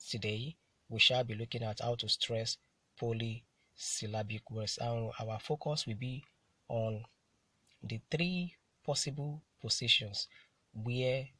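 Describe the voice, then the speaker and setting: Slow, husky male English teacher. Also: mid-range voice, pushed and bright, no room sound. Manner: deliberate, repeats key terms and asks rhetorical questions. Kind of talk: classroom lecture.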